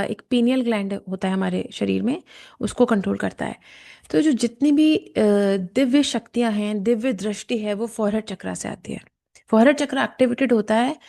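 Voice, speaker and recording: Woman, meditation teacher, calm guided talk, soft whispered chants, slight vocal fry. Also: a little high. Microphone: camera and mic in front of her.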